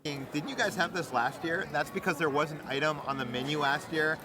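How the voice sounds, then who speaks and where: A man's voice: a little high, fairly quick, noisy background. A man doing an upbeat food review vlog at a theme park and rating dishes playfully. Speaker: food vlogger.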